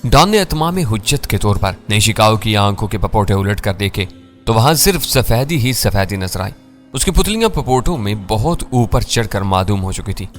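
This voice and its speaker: A man reading a first-person thriller story in a measured, dramatic way. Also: on the low side.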